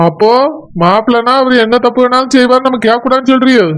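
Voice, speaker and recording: A fast, scolding village father with a Kanyakumari accent, as a woman plays him. The voice sits high for a man and rushes through indignant questions. It has the feel of a cartoon village story. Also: fairly even intonation, lightly acted. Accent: Kanyakumari Tamil. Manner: indignant, scolding, rapid retorts. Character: stern protective village father, middle-aged.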